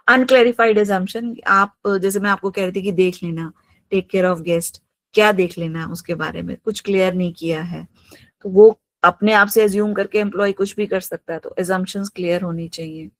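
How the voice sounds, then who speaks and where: A woman's voice: medium pitch, steady tone, moderate pace, no room sound. Woman teacher lecturing with examples, dry sound. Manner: explains terms through worked examples, repeats "absolutely" often; mixes English terms into her talk. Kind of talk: online class lecture.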